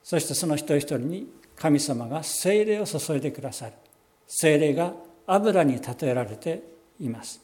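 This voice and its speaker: A pastor giving a sermon, explaining scripture in a measured way and slowing down on key phrases. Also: male voice, on the high side, expressive, a little mellow. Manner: measured, explanatory preaching with slowed emphatic phrases.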